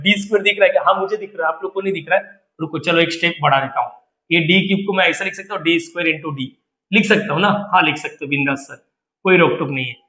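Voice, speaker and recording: A man's voice: a little high, sharp tone. Man teaching engineering maths in a lo-fi echoey room. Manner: coaxing, asks questions and answers them himself. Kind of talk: recorded online lecture. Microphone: screen recording with digital board. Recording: echoey room, dull lo-fi audio.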